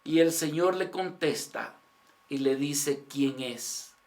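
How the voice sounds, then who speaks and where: A male pastor delivers a sermon in an unhurried, deliberate way, leaving room between his phrases. His voice sits fairly high for a man. He keeps putting rhetorical questions to the congregation, rising on some lines and dropping to a hush at the end of others. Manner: preaching with rhetorical questions, addressing the congregation as brothers; dramatic swings from raised voice to hushed endings. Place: church.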